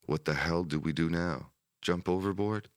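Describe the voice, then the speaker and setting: A man voicing a frightened wartime soldier who cannot swim, blunt and shouting in an audiobook reading. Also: very deep voice, normal speed, creaky, no room sound, studio quality. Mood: panicked.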